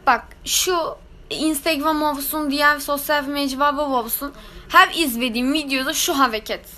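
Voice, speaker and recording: A woman's voice: high-pitched, a bit bright. A woman with a speech impediment on R sounds, chatting casually and comedically to her followers in an emphatic, exasperated, slangy way. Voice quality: speech impediment, cannot pronounce R and some letters. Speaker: social media content creator.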